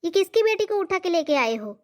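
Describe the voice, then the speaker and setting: A woman voicing a fierce old cartoon mother who scolds without pause, sharp-tongued and loud with insults. The voice sits high for an old woman. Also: sing-song. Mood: angry interrogating. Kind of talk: cartoon comedy voice acting.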